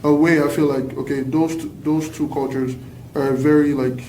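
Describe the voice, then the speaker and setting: A young man from Nigeria gives casual, reflective answers with a Canadian-influenced accent. His voice is mellow and hesitant, full of "like". The sound is echoey and distant, with faint noise. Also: fairly high pitch, flat delivery, moderate pace. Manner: hesitant, frequent "like". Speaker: youth panelist.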